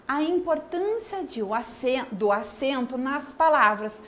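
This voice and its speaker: Slow, lively Brazilian woman teacher. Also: sits high. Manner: slow, drawn-out word-by-word dictation. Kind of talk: online grammar lesson.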